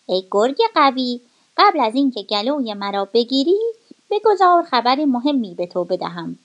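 A woman's voice: a little high, sing-song, muffled recording. A woman voicing a clever, lame young goat kid in a storybook reading, coaxing and persuasive.

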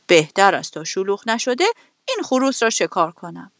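A woman voicing a cunning, hungry male fox who coaxes in slow, honeyed tones. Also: medium pitch, expressive, fairly bright tone, dry recording, studio quality, pitched below the performer's own voice. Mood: sly coaxing. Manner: sweet-talking, coaxing, drawn-out.

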